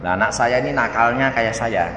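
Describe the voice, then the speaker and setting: A middle-aged man preaching a sermon, telling stories and swinging between loud outbursts and hushed asides. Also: medium pitch, a little fast. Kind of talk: sermon with storytelling. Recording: reverberant hall, faint room noise.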